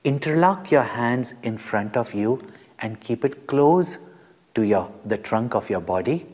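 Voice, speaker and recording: A man giving a guided meditation discourse as a spiritual teacher, deliberate and emphatic, breaking phrases with pauses, his husky voice turning breathy at phrase ends. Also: mid-range voice, a little mellow. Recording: long hall reverb.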